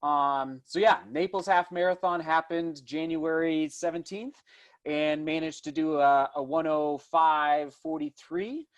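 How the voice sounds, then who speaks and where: High-pitched man chatting in an interview. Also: steady tone, a little slow. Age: 30s. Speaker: interview guest, distance runner and vlogger. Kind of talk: casual conversational interview.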